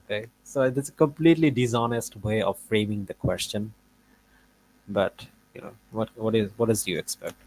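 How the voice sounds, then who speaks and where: A man's voice: lowish voice, steady tone, normal speed, a little mellow, low-quality recording. Man arguing in casual reaction commentary. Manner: argumentative, rambling, with fillers. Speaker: debate reviewer.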